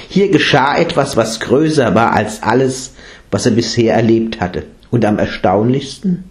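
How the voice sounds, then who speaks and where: A man narrating a story in a calm, measured way. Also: fairly low pitch.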